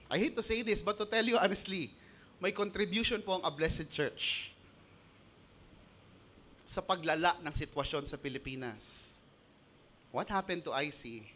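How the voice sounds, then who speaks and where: A Filipino-accented male pastor delivers an animated sermon in a high, bright voice. He mixes Tagalog with English and acts out the voices he quotes. His tone is clear and forceful. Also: a little hiss or hum.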